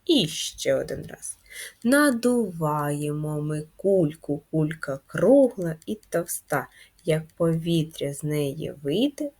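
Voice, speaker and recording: A woman teaching first graders in a video lesson, speaking slowly and clearly in a sing-song way for young children. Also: lowish voice, warm tone. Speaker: primary school teacher.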